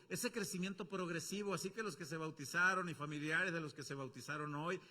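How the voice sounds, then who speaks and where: A man with a Mexican accent preaching a sermon as pastor, swinging from loud calls to low asides and acting out quoted voices. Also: a little hiss or hum. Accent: Mexican Spanish. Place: church.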